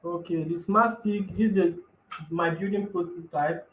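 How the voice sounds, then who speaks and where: A man on a bad video-call connection that keeps cutting out, explaining his invention in an apologetic, halting way. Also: sits high, fairly even intonation, fairly bright tone, slight background noise. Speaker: guest presenting an invention. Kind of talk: show-and-tell explanation on a call. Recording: echoey, choppy call audio.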